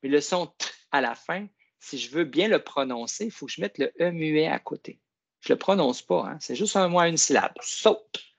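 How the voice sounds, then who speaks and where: Gravelly man teaching phonics. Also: a little high, expressive. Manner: coaxing, slow teacher voice stretching key words. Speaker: teacher trainer. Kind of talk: classroom reading demonstration.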